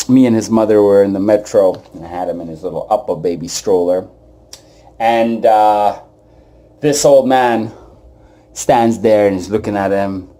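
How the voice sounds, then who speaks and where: Mellow-voiced man doing stand-up stories. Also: fairly low pitch. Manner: conversational, addresses the audience directly with asides. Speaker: stand-up comedian. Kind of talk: stand-up comedy storytelling.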